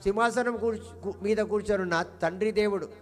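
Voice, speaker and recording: A man's voice: sits high, steady tone, fairly quick, in a large hall. A man preaching a sermon as pastor, stirring the congregation with questions and emphatic repetition.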